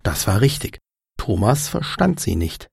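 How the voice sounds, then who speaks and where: A man hosting a language podcast, slowly drilling phrases and narrating a story in a deliberate, teacherly way. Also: on the low side, sing-song, creaky, husky, no room sound, clean studio sound. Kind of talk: slow instructional narration.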